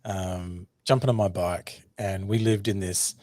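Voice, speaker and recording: An Australian man talks as a podcast guest, easygoing and quick to joke, with plenty of ums and restarts. His voice sits a little low. The sound is dry and close, with no room echo. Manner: jokey, relaxed, many fillers and restarts. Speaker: podcast guest, business founder. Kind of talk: casual interview chat.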